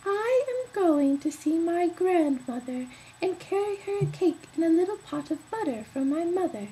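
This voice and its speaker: A woman voicing a trusting, innocent little girl with a high, slow, earnest voice in a told fairy tale. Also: animated, warm tone, poor audio.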